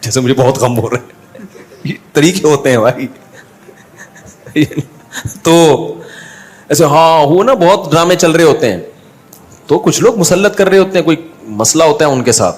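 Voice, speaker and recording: Animated middle-aged male storyteller. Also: fairly high pitch, normal speed, long pauses. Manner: animated, acts out other people's lines. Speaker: drawing channel host. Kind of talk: anecdotal storytelling over drawing.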